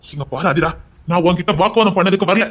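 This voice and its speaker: A man's voice: sits high, fast, fairly bright tone. A man playing a stern young fiancé who gives firm, commanding orders.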